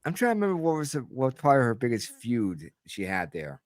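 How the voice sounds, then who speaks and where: A man's voice: mid-range voice, huge pitch swings, brisk, no room sound, studio quality. A man co-hosting a wrestling podcast in casual chat, joking, laughing often and thinking aloud. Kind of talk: casual chat on a live stream.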